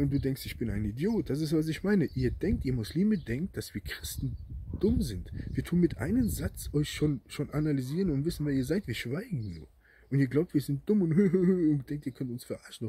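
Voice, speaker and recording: A man delivering a rambling, emphatic monologue straight to his viewers, tagging his sentences with quick questions. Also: mid-range voice, noisy background. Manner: emphatic, rambling, constant "ja?" tags. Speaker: online commentator.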